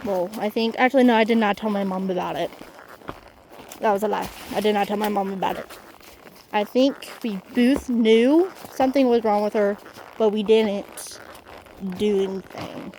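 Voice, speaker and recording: A young woman vlogging outdoors while riding a horse, telling an emotional story in a halting way with many restarts. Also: medium pitch, dark tone, slight background noise, poor audio.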